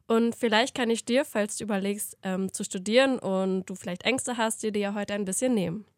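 A woman's voice: mid-range voice, fairly quick, no echo, studio quality. Young woman, reassuring student voice. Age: 20s. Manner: reassuring, reflective. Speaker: student guest. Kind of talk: podcast chat.

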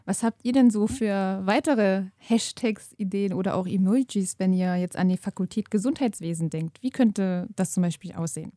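A woman with a very dark, mellow voice hosts a university podcast and moderates it in a friendly, encouraging way. The recording is dry and close. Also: medium pitch, moderate pace, hardly any pauses, no room sound. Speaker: podcast host.

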